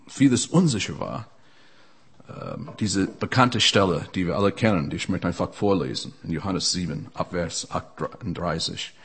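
A man preaching a sermon at a church service, earnest and halting, often restarting his phrases. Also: low-pitched, creaky, husky.

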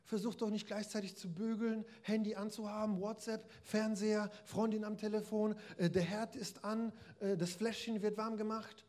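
A man voicing Jesus as a gentle adult man who kindly admonishes someone to focus on one thing. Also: sits high, flat delivery, moderate pace, few pauses, pitched above the performer's own voice, close to an everyday voice. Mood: gently admonishing. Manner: gently admonishing, direct address.

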